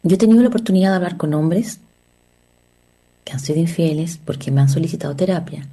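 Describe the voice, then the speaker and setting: A woman's voice: lowish voice, expressive, quick pace, mellow, slightly rough. A woman therapist giving an earnest motivational talk on relationships, asking her listeners rhetorical questions.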